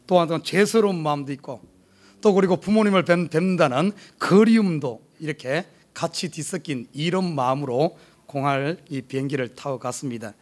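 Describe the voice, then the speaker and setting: A middle-aged man from South Korea with a Gyeongsang accent, a pastor telling a humorous personal story in a sermon at church. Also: a little high. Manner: storytelling with humor, lively and animated. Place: church sanctuary.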